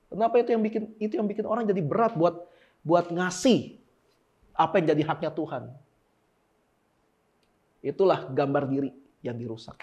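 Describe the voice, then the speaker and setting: A man preaching a casual, lively sermon and talking with members of the congregation. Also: on the high side, moderate pace, pauses often. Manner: lively, animated, talks with the congregation. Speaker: pastor. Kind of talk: casual sermon with live demonstration. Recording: dull lo-fi sound.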